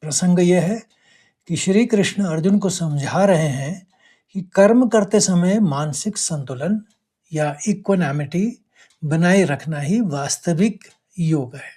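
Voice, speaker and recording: A man teaching a scripture verse, explaining each word slowly and chanting the Sanskrit lines. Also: high voice, dark tone. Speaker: Gita teacher. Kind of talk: slow Sanskrit recitation lesson.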